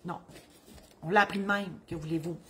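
A woman's voice: fairly low pitch, fairly even intonation, a little fast. A middle-aged woman with a Quebec French accent, a notary who gives legal advice in a chatty, joking, digressive way and explains things plainly. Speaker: notary answering legal questions. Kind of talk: humorous legal advice column.

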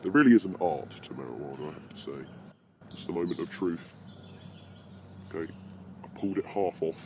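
Deep-voiced British man rambling outdoors. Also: a little fast, warm tone, highs cut off, slight background noise. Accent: British English. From Britain. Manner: rambling, swears freely, chuckles often. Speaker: podcast host. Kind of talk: casual rambling monologue. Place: outdoors in a forest. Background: birdsong.

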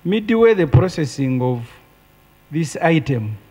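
A man's voice: on the high side, big pitch swings, slow pace, mellow. A middle-aged man with a Ugandan accent arguing a point of procedure in parliament. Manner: argumentative, pointed. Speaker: opposition member of parliament. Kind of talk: parliamentary debate. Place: large parliament chamber. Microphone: desk microphone. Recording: long chamber reverb.

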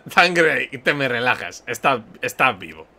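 A man from giving joking, loud commentary while streaming a game. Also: mid-range voice, big pitch swings, slow, creaky. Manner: joking, loud, laughing asides over cutscenes. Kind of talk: casual gaming commentary.

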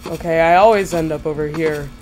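A woman's voice: deep voice, steady tone, brisk, darkish tone, slight background noise. A young woman commentating horror gameplay, jittery and bursting into frightened shrieks. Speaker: gamer.

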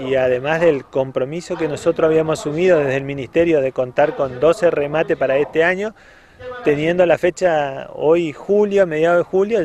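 An Argentine man in his forties speaks as a government official in an on-camera news interview. His voice sits a little higher than average. He explains things in a semi-formal way, outdoors into a reporter's handheld microphone. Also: a little mellow. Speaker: provincial livestock official being interviewed. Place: outdoors in a grassy parking area at a cattle auction ground. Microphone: handheld reporter's microphone at chest height.

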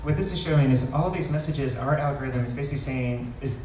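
A camera far across a large, wood-ceilinged meetup room captures a man demoing software live. His pitch is medium, his explanations are informal and broken up by frequent pauses, and the pickup sounds roomy with faint noise.

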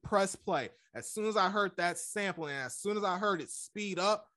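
A man joining a friend's podcast as a guest, telling lively stories about listening to music and acting out his own reactions. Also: high voice, normal speed, no room sound, studio quality. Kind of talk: casual music chat.

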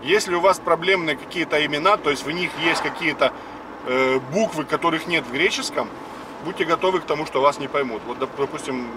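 Driving along the road, a chatty man in his fifties teaches a casual lesson, going through words individually. He speaks fairly quickly in a voice on the high side, recorded by a distant dashboard camera mic with road noise.

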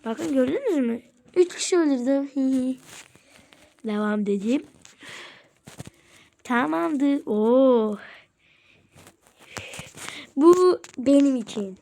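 High-pitched woman, casual game commentary host, excitable and taunting. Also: very slow, gravelly, long pauses. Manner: taunts opponents, chatty and excitable. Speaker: gaming channel host.

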